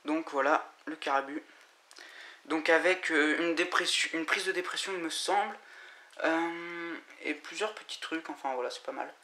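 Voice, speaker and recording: A man giving a casual, halting unboxing commentary, full of fillers and restarts. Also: fairly high pitch. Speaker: vlogger unboxing scooter parts. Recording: echoey room with loud noise and crinkling.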